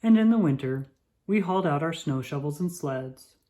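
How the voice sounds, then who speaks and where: A medium-pitched narrator gives an expressive, measured storytelling reading of a children's picture book.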